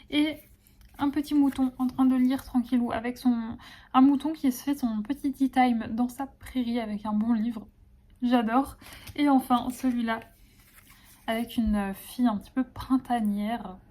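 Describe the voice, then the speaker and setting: A woman with a rather high, mellow voice talks casually to her viewers about pieces she drew herself. She gushes with affection and piles on sweet little words, with frequent hesitations and fillers. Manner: gushing and affectionate, full of diminutives and fillers. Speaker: illustrator presenting her own collection. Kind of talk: casual vlog chat.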